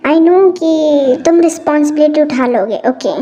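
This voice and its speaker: A woman's voice: high voice, a little slow, dark tone, highs cut off. A woman voicing a doting father who soothes his crying daughter, in an amateur fan audio drama. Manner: soothing, coaxing. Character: doting father, gentle, reassuring.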